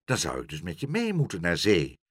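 A bossy, fussy mother scolds in a husky voice that swings up and down, put on by a man reading aloud. She sounds brisk and strict. The sound is dry and close. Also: sits low, huge pitch swings, dry recording, voice pushed down, full character voice. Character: strict fussy mother, middle-aged woman.

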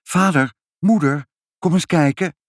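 A man's voice: high-pitched, lively intonation, measured pace, dry recording, clean studio sound, pitched above the performer's own voice. A man voicing an eager, caring little girl in a read-aloud storybook.

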